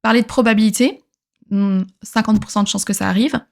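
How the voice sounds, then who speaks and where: A woman's voice: mid-range voice, steady tone, fairly quick, creaky. A woman from France giving a patient grammar lesson, repeating each example twice and then translating it. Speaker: English teacher.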